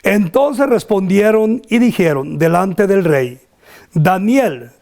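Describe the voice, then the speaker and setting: A male pastor who reads scripture slowly and deliberately, then prays in fervent, repeated phrases. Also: high-pitched, darkish tone. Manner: slow, deliberate reading that builds into fervent, repetitive prayer. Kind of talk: sermon scripture reading and prayer.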